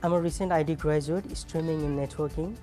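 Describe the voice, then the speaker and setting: A recent graduate from Nepal speaks earnestly in a promotional video. His tone is mellow and soft. Light guitar music plays quietly behind him. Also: fairly high pitch, fairly even intonation, a little fast. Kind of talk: promotional testimonial.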